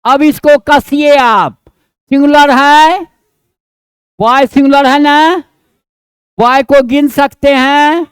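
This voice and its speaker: High-voiced Bihari Hindi teacher, slow. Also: male voice, steady tone, dry recording. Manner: quizzes the class, repeating checks and questions; homely, colloquial scolding and coaxing. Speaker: grammar teacher. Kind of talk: classroom lesson.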